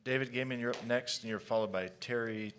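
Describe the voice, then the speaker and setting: A man's voice: mid-range voice, steady tone, fairly quick, a bit bright, a little hiss or hum. A man chairing a council meeting, calling up the next speakers in a matter-of-fact way. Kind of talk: procedural announcements.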